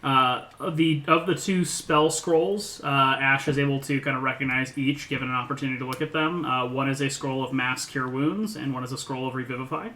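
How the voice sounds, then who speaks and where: A man narrating a tabletop game as game master, in a halting delivery. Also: medium pitch, fairly even intonation, sharp tone. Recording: roomy, faint background noise.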